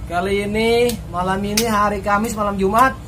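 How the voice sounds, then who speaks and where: A man's voice: sits high, fairly even intonation, normal speed, noisy background. A man from Bogor, a vlogger talking in a playful, joking manner. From Bogor, West Java, Indonesia. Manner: playful, joking, mixes in local phrases. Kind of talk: casual comedic monologue.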